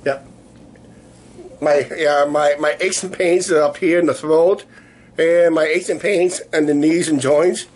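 A man in his fifties chatting casually to camera in a rambling, halting way, his voice weak and sore after illness. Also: on the high side, fairly even intonation, darkish tone. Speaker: vlogger. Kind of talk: casual video diary chat. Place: small living room, indoors. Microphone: camera at arm's length. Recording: noisy room ambience on camera mic.

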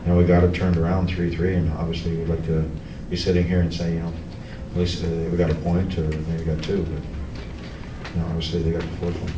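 With a deep, monotone voice, a middle-aged hockey coach responds to reporters at a post-game presser, often stopping, restarting, and filling gaps. He sits in a press room in front of the team backdrop. Sound is captured by a distant camera rather than his table mic, so the room echoes and noise creeps in.

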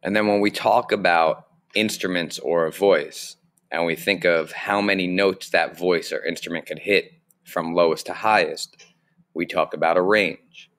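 Speaking from a small room into a webcam mic, a young man gives a recorded online lesson on music fundamentals. His low voice is steady and fairly bright, and he explains slowly and clearly.

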